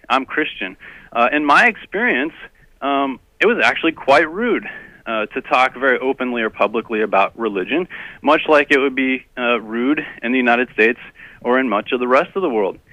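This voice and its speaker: A man's voice: medium pitch, bright, forceful tone, no echo. A man from Texas, a guest on a radio interview, who talks in a hesitant way, full of ums and uhs. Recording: dull lo-fi radio audio.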